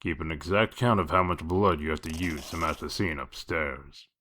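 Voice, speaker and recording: A man playing a gruff, sardonic, bossy wolf detective in a comic dub, speaking in a curt, commanding way. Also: moderate pace, bright, forceful tone, slight background noise. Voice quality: deep voice.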